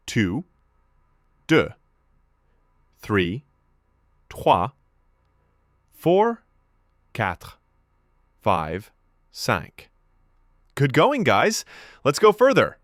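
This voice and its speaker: A man's voice: medium pitch, huge pitch swings, extremely slow, pauses often, fairly bright tone, dry recording, clean studio sound. A man teaching a beginner French lesson, encouraging and enunciating each word for students to repeat.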